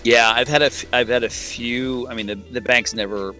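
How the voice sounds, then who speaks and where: A man in casual conversation as a guest, talking in halting bursts with many restarts and fillers. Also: mid-range voice, steady tone, pushed and bright, soft background music. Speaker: guest scambaiter. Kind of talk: casual chat.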